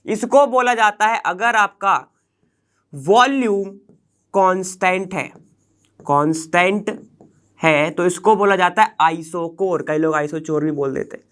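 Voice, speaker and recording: A man's voice: sits high, unhurried, pauses often, fairly bright tone, clear, resonant tone. A man teaching a chemistry lecture for exam prep. He talks casually, mixes in English science terms, and keeps asking rhetorical questions and checking that students follow. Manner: conversational, peppers with rhetorical questions and "okay?" checks.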